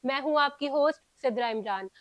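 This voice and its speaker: A woman's voice: high voice, moderate pace, fairly bright tone, dry recording. A woman, a talk show host giving a formal introduction. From Pakistan. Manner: formal, announcing.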